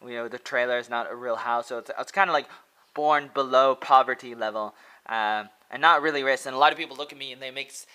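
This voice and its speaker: Rambling young American man, bright voice. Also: mid-range voice, fast. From Oregon, USA. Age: 20s. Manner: rambling and earnest, heavy use of "like", repeats himself. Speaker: vlogger and English teacher. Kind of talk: casual to-camera monologue. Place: small indoor room. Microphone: laptop webcam close up.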